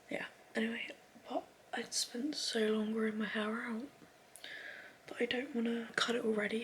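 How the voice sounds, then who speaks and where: A young British woman whispers her way through a casual vlog, her hushed voice carrying a gravelly, fry-laden edge. She rambles in a friendly, chatty way, and a clear hiss of background noise sits under the recording. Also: fairly high pitch. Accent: British English. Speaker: vlogger. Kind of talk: whispered casual day-in-the-life chat. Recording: noisy home recording.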